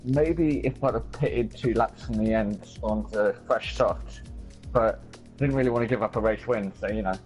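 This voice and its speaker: A man's voice: fairly low pitch, normal speed, a little mellow, faint music behind, rough recording. A man, a league driver, answering a post-race interview in a laid-back, casual way.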